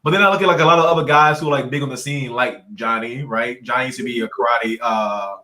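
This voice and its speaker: A man's voice: medium pitch, fast, rough recording. A man raised in Saudi Arabia, a dancer guest telling stories in a casual interview and acting out quoted people. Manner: animated storyteller, acts out quotes.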